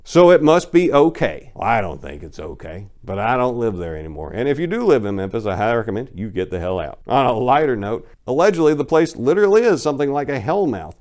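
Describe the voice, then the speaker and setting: Reading his crime story with theatrical flair, an author who hosts the show speaks in a mid-range voice with a darkish tone. He breaks off to talk to listeners casually, in a colloquial, folksy and emphatic manner.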